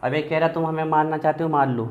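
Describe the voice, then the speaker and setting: A man's voice: on the high side, fairly even intonation, fast talker. A male chemistry teacher, teaching periodic table mnemonics and chanting element names in rhythmic lists. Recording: dull lo-fi sound with faint background noise.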